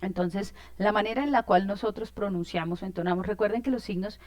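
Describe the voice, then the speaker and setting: A woman's voice: medium pitch, a little fast, darkish tone, no room sound. A woman teacher, explaining a lesson in an informal way, with many fillers and check-in questions.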